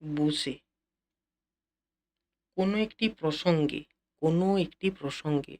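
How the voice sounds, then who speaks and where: A man teaching an English lesson in a Bengali accent, repeating key phrases slowly and speaking directly to his students. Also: fairly high pitch, steady tone, a little mellow. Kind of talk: classroom-style lesson explanation.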